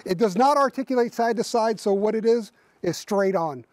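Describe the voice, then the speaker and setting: A man in his fifties, outdoors by a barn in winter, casually reviews his tractor to camera with lots of fillers and restarts. He sits high in pitch, a little mellow, at a normal pace, on a dry recording.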